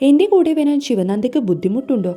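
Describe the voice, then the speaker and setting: A woman's voice: high-pitched, animated, fast talker, dark tone. A woman voicing a stern, commanding young husband who gives curt orders in a storybook reading, over faint music.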